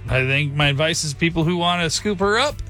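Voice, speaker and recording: A man co-hosting a morning radio show from the studio. He has a high, bright, forward voice. He teases his co-host with playful, joking advice in loose banter. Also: brisk, soft background music.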